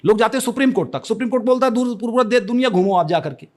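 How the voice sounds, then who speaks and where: A man's voice: very high-pitched, animated, rapid-fire, darkish tone. A man from Chhattisgarh giving a podcast interview, speaking in an impassioned, declamatory way, repeating phrases and restarting often. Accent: Chhattisgarh Hindi. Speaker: interview guest.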